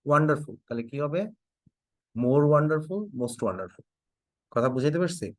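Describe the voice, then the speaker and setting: A man's voice: a little high, expressive, measured pace, dry recording, studio quality. A man from Bangladesh who teaches English, giving an online class lecture, quizzing his students and often repeating prompts for them to type in their answers. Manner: joking mock threats.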